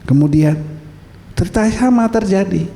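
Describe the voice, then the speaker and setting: Male pastor, middle-aged, with a warm, relaxed storytelling sermon voice. The recording is roomy and echoing, made in a church. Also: sits high, vocal fry. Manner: conversational storytelling preacher, drawn-out emphatic phrases. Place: church sanctuary. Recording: reverberant church hall.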